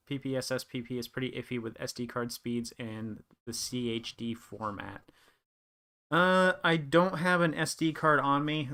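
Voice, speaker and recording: A man's voice: mid-range voice, pushed and bright, clear, resonant tone. A young man chatting casually on a live stream, thinking aloud and rambling with lots of fillers.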